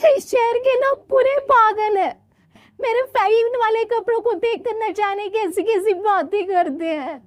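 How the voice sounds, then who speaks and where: Brief: a woman playing a cheeky young city bride, high, swooping cartoon voice, quick to take offence. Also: lively intonation, no room sound. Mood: indignant. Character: brash young city daughter-in-law, fashion-proud.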